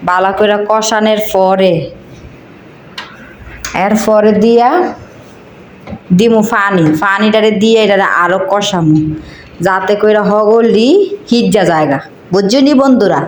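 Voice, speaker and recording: A woman's voice: mid-range voice, measured pace, pauses often, roomy sound, slight background noise. A woman from Cumilla with a Cumilla Bengali dialect, talking viewers through a recipe as she cooks and chatting with them like friends. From Cumilla, Bangladesh. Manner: chatty, talks to viewers as friends while cooking. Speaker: cooking vlogger. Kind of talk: casual cooking narration.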